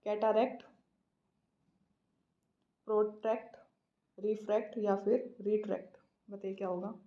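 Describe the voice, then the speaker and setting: A woman leads an English exam practice lesson, reading the questions out slowly and explaining the answers in a blend of Hindi and English. Her voice is mid-range and her tone stays level, and the highs in the recording are cut off.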